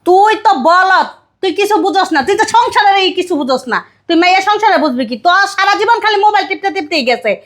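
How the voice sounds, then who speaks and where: A woman playing a shrill nagging wife. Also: expressive, fast, a bit bright. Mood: scolding. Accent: Bangladeshi Bengali. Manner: scolding, shrill, insulting. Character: nagging middle-aged wife and mother.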